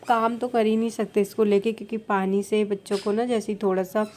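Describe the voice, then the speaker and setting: A woman's voice: mid-range voice, little pitch movement, fairly quick, darkish tone. Chatty Indian woman narrating chores. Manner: chatty, explains chores step by step. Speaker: vlogger. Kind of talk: casual voice-over narration.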